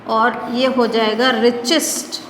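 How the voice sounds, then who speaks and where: Woman, Indian accent, English teacher, high voice, roomy echo, faint ambience. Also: level tone, a little hiss or hum. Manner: explains slowly and repeats words, with rhetorical questions. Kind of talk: classroom grammar lesson in Hindi and English. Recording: echoey hall, mic at a distance.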